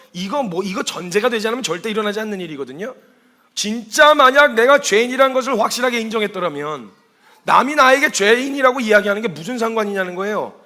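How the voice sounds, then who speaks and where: A man preaching a sermon as a missionary, animated and storytelling, acting out quoted speech and asking rhetorical questions. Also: sits high.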